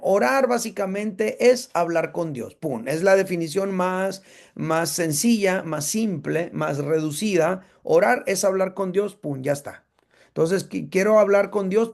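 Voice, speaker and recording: A man's voice: fairly high pitch, vocal fry, darkish tone. A man teaching a casual Bible class, talking conversationally and checking in with his listeners.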